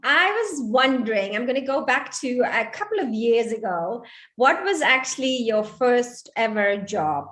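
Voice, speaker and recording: A woman's voice: on the high side, expressive, a little slow, a bit bright. A woman interviewing a guest over a video call, asking short, simple questions. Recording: echoey video call audio.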